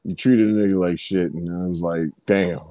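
A man's voice: low voice, steady tone, moderate pace, dark tone, no room sound, poor audio. A man co-hosting a podcast, telling stories in loose, profane casual chat with lots of restarts. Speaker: podcast co-host.

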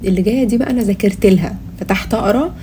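A woman's voice: mid-range voice, racing, dark tone, a little hiss or hum. A woman with an Egyptian Arabic accent hosting a casual comedic podcast in a playful, mock-serious way. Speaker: podcast host.

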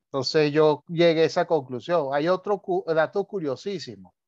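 A man's voice: fairly high pitch, moderate pace, darkish tone, dry recording, dull audio. A man from Venezuela with a Venezuelan Spanish accent, talking casually and telling anecdotes with laughs and asides. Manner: chatty storyteller with frequent laughs and asides. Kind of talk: casual conversation about spelling.

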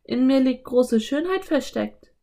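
A woman voicing a lively, curious little girl in an audiobook, with high, eager, quick exclamations. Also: vocal fry, heavily acted.

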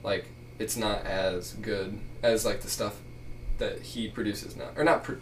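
A man's voice: on the low side, steady tone, unhurried, slight background noise. Rambling young man in an echoey room. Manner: rambling, filler-heavy, lots of "like". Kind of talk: casual chat among friends. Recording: echoey room, mic at a distance.

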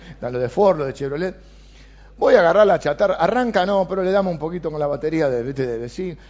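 Man, Rioplatense accent, preacher, high voice, dull lo-fi recording. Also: fast. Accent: Rioplatense Spanish. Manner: animated, reads scripture aloud with rising emphasis. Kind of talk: sermon. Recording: dull lo-fi sound.

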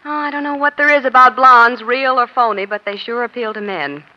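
In a dull, lo-fi recording of a 1940s radio crime drama, a woman plays a savvy American newspaper reporter who feigns casual innocence. Her fairly high, bright voice is forceful and a little fast, and her manner is breezy and slyly chatty.

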